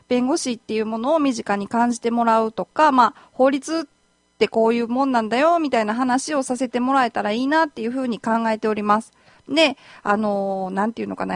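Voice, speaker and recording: A woman's voice: on the high side, no room sound. A woman with a Kansai accent, a lawyer hosting a solo radio talk show, speaking politely and chattily with many filler words. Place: community radio studio.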